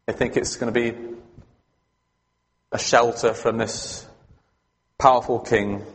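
A man's voice: medium pitch, fairly even intonation, takes it slowly. A man preaching a sermon in a church, talking in a conversational but emphatic way and asking his listeners questions. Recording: long hall reverb.

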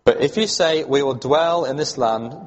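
Preacher with a hall echo. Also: male voice, medium pitch, normal speed. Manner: conversational, emphatic, asks the congregation questions. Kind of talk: sermon. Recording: long hall reverb.

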